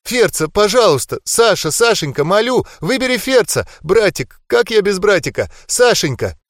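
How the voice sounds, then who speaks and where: Crying girl begging through sobs, a man puts her on, way higher voice. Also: drawn-out words, fairly bright tone, clean tone, no room sound, clean studio sound, exaggerated voice. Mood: pleading. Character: sobbing desperate young woman.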